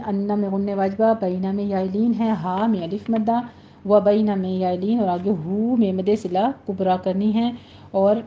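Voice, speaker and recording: A woman teaching a recitation lesson, patiently explaining rules step by step and slowly modelling the words. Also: mid-range voice. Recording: slightly muffled recording with faint noise.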